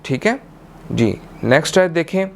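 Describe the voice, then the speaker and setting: A man with a Pakistani Urdu accent teaching tajweed, chanting verses in long drawn-out tones and then explaining each rule briskly, often checking in with "theek hai". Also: fairly high pitch, sing-song, creaky. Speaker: Quran recitation teacher. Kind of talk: tajweed lesson, slow chanted recitation then quick explanation.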